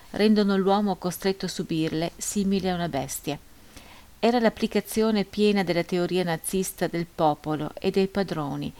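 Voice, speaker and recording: Brief: woman audiobook reader, lowish voice, grave, measured narration. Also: a little mellow. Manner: measured, solemn, grave reading. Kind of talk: scripted narration of a first-person memoir.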